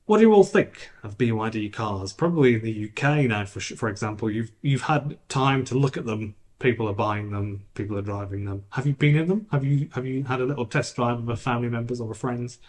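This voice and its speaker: A man's voice: mid-range voice, brisk, few pauses, a little mellow. A man talking to his viewers in a rambling, casual vlog, recorded on a camera's built-in mic that makes his voice sound slightly robotic. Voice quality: slightly robotic, degraded audio. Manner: chatty, rambling, frequent restarts and fillers. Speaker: YouTuber.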